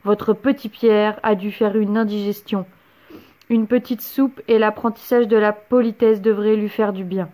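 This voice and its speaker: A woman's voice: medium pitch, steady tone, normal speed, dark tone, lightly acted. A woman voicing an irritable male doctor in a storybook, impatient and scolding. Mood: annoyed.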